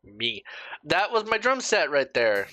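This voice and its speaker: A man's voice: a little high, sing-song, a little slow, sharp tone, no room sound. A young man doing casual reaction commentary as a YouTuber, swearing freely and laughing at himself.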